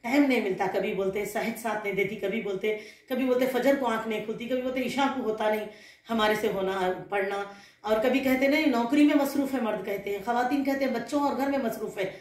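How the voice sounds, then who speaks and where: A woman's voice: on the high side, a little fast. A woman religious scholar giving an earnest sermon to women, often putting questions to her listeners. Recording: roomy echo.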